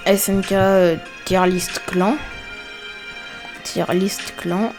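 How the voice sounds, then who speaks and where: A woman's voice: medium pitch, little pitch movement, extremely slow, over music. A woman giving casual, joking, off-the-cuff commentary while ranking characters, with muttered asides. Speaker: video creator ranking characters.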